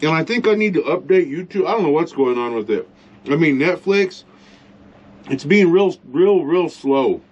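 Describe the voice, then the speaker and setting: A man's voice: on the high side, expressive, normal speed, lo-fi sound. A man rambling bluntly in a casual vlog from inside his truck at a campsite, eating as he talks. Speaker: vlogger.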